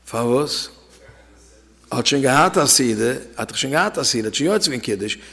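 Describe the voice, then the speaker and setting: A man's voice: mid-range voice, animated, normal speed, bright, forceful tone. A man teaching an informal religious law lesson as a rabbi, talking conversationally and telling anecdotes to his listeners. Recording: reverberant hall.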